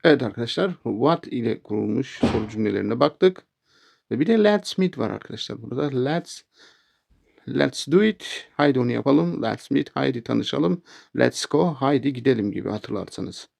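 A man teaching a language lesson, saying English phrases slowly and clearly and then giving their meanings. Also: mid-range voice, expressive, darkish tone.

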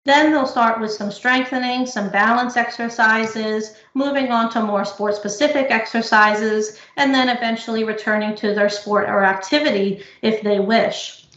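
A woman presenting research on knee injury rehab in an explanatory, measured way, with frequent fillers, over a video call. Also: fairly high pitch, fairly even intonation, a bit bright. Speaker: physical therapy researcher presenting. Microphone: computer mic on video call. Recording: echoey lo-fi video call audio.

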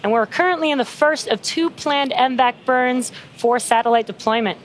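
A woman with a fairly high voice hosts a live launch webcast, explaining as she commentates. There is clear noise behind her. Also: moderate pace.

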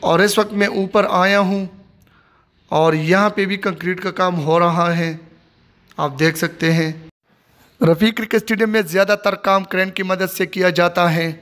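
A man's voice: sits high, a bit bright. A man giving a casual walking tour of a stadium construction site, filming on his phone outdoors. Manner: repetitive, plain commentary while filming. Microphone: handheld phone.

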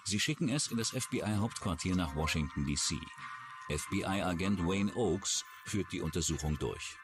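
A man with a low, slightly slow voice reads scripted true-crime narration in the style of a documentary narrator. Music plays underneath his voice throughout.

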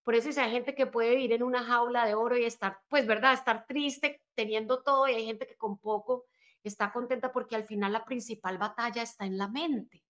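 A married adult woman with children, a life and business coach, tells her own story as a guest in a conversational podcast interview. She's earnest and motivational, often checking in with "right?", and speaks briskly in a fairly high, slightly bright voice with fairly even intonation.

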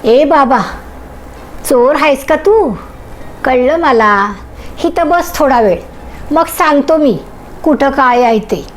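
A woman's voice: high voice, expressive, takes it slowly, pauses often, a little hiss or hum, poor audio. A woman doing a nosy deaf old grandfather. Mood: questioning. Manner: keeps firing questions. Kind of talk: storybook character voice.

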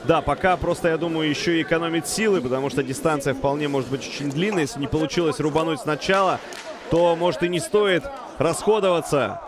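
High-voiced man commentating over loud crowd. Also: quick pace. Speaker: fight commentator. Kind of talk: excited live sports commentary.

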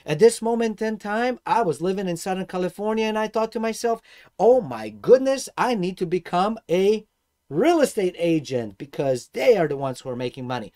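A man from Serbia in his thirties with a Serbian accent, talking to a webcam about personal finance in an animated, gesturing way. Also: high voice, normal speed. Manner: animated, gestures a lot, swings between loud and soft. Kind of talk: casual vlog monologue. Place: dark room indoors.

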